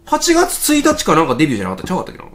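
A man with a Kansai accent giving casual, excitable reaction commentary as host, thinking aloud and exclaiming often. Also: high voice, very fast. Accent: Kansai Japanese. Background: faint music video playing.

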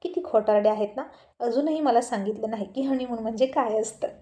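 A woman's voice: a little high, a little fast, warm tone, close to an everyday voice. Woman voicing a naive curious young bride. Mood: timid. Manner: questioning, pleading, childlike.

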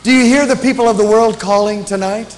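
A middle-aged man preaches from the pulpit of a large church. His voice sits high for a man, and he repeats his main points with emphasis, slowing down when he reads scripture. He speaks into a pulpit microphone. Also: steady tone, slight background noise, rough recording. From grew up in Africa. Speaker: pastor, guest missionary preacher. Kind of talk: sermon.

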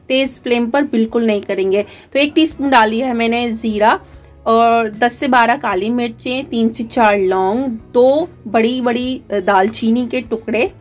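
Hosting her channel, a woman with a slightly high voice calmly narrates a recipe step by step. She often pauses on fillers and blends words into her speech.

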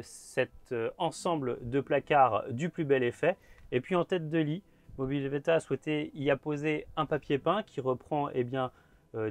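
A man in his thirties gives a guided tour inside a motorhome at a trade fair, talking in a measured way with frequent filler words. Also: mid-range voice, darkish tone. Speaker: motorhome show presenter. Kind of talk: guided vehicle walkthrough.

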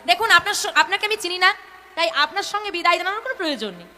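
A woman's voice: very high voice, animated, rapid-fire, sharp tone, heavily acted. A woman voicing a curt, annoyed young man in a devotional story. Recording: echoey hall, faint music.

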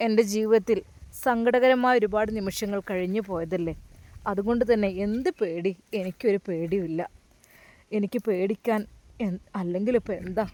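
A man's voice: high voice, a little mellow, lightly acted. A woman voicing a grieving young male religious scholar, speaking in a subdued inner monologue and prayer.

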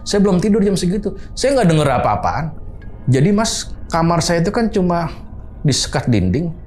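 A man's voice: on the high side, normal speed, soft background music. A man, casually recounting a horror story from his boarding house and acting out what people said. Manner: animated retelling, acting out quoted dialogue.

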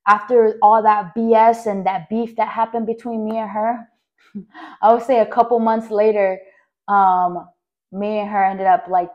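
Telling a personal story on her podcast, a young adult woman wanders along animatedly, dropping lots of fillers and addressing her listeners directly. Her pitch is medium, and the top end of the sound is cut off.

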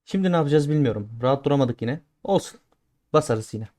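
A man giving casual commentary on his own gameplay, chatting to his viewers and swinging between grumbling and loud cheering. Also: mid-range voice, lively intonation, fast talker. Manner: chatty, talks to viewers as he plays. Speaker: gaming streamer.

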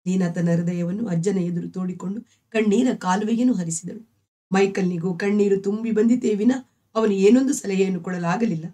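Woman narrator, live-streamed story reading, measured and expressive. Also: medium pitch.

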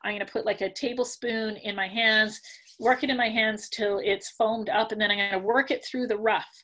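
Over a laptop webcam call from a room at home, a middle-aged woman runs a casual dog grooming webinar and answers questions. She's chatty and practical, full of ums and likes, and keeps clearing her throat as her voice gives out. Her medium-pitched voice is steady and sharp at a moderate pace, and the audio is poor.

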